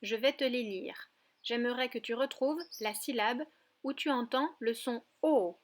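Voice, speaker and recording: Woman, preschool teacher, fairly high voice, slow and carefully articulated, talking straight to a young child. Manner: slow and clearly articulated, addressing a child directly. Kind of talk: recorded lesson for young children.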